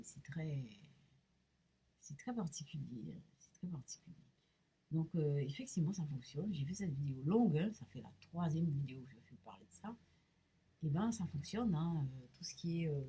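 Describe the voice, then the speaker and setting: A middle-aged woman telling about her experiences in a rambling personal vlog, hesitant and full of restarts, sometimes dropping to a soft murmur. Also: low-pitched, slightly rough. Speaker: medium vlogger. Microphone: camera mic.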